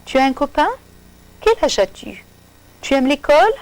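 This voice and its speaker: Mireille is a cheerful, chatty sixteen-year-old girl in a storybook who fires off eager questions, voiced by a woman reading aloud. She is pitched somewhat higher than the narration. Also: big pitch swings, moderate pace, a little mellow, poor audio. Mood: curious.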